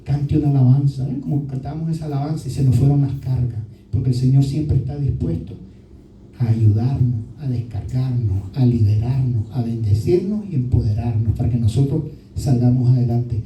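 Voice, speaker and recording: A man's voice: mid-range voice, normal speed, dark tone, roomy sound, distant mic, a little hiss or hum, low-quality recording. A male pastor preaching a sermon, often adding "¿verdad?" to check in with listeners. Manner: often adds "¿verdad?" as a tag question.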